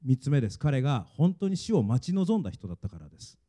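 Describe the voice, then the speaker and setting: A man preaching with a very dark, mellow tone and a lively, swinging pitch. He speaks earnestly and stresses his points, a pastor addressing his congregation. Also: fast. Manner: earnest, emphatic preaching, leads congregation in reading. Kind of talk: sermon.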